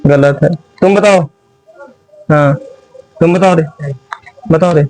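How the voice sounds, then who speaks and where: High-pitched guy teacher quizzing a class, calls out loud sometimes. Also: slow, rough recording. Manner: quizzing students, often raising voice.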